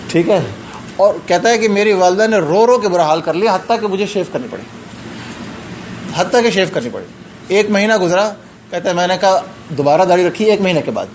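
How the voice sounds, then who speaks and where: A man's voice: high-pitched, a little hiss or hum. A man from South Asia giving a religious lecture to an audience, earnest, with rhetorical questions and personal stories. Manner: frequent restarts and pious interjections. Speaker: Islamic lecturer.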